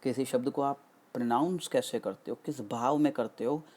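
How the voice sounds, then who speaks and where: A man's voice: mid-range voice, a little mellow. A male English vocabulary teacher giving a classroom-style lesson that mixes Hindi and English, explaining step by step and asking and answering his own questions. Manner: slows down to spell out English meanings.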